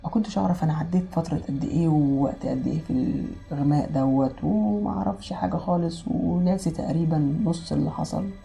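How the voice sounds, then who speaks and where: A woman's voice: sits low, vocal fry, warm tone. A woman with an Egyptian accent telling a first-person horror story in a conversational way, with many fillers.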